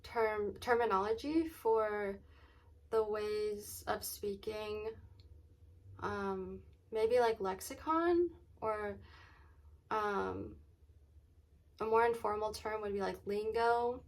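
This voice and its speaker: Slow, halting woman saying "like" a lot. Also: mid-range voice. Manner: says "like" and "um" very often as filler; halting, thinking aloud, trailing off mid-sentence. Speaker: vlogger. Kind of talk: casual chatty vlog talk to camera.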